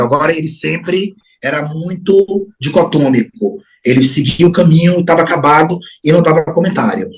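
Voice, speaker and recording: A middle-aged Brazilian man in an interview, recalling his family in an unhurried, reflective way, lingering on words and trailing off into soft asides. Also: a little high, low-quality recording. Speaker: interview guest. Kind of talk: reflective personal memories.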